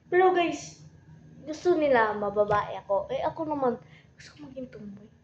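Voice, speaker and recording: A woman's voice: sits high, animated, measured pace, highs cut off, a little hiss or hum. Giggly woman. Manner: giggly, rambling, mixes in English. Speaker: vlogger. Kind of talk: casual chat to camera.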